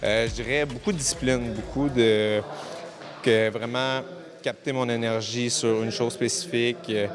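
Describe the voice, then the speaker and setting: A young man with a Québécois accent, an amateur boxer speaking reflectively with frequent pauses. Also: mid-range voice, steady tone, a crowd in the background. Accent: Québécois French. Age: young adult. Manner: reflective, many "euh" fillers.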